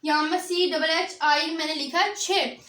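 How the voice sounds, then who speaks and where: A woman gives a beginner lecture in a very high, bright voice. She explains each point patiently and keeps checking in with her students. The recording has a noticeable room echo. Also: steady tone, normal speed. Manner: explanatory, often adds a check-in filler after each point. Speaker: language teacher.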